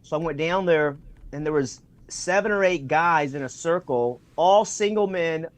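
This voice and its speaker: A slightly high male voice at normal speed, with no echo, comes over a remote video call as a guest tells stories. He's enthusiastic, fills the gaps with fillers, and acts out quoted remarks.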